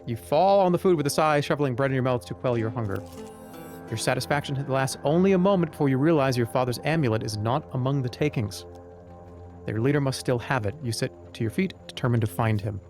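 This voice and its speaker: A man's voice: medium pitch, fast, a little mellow, close to an everyday voice. Storybook narrator, a man: earnest, dramatic scripted read, fantasy adventure game, faint music.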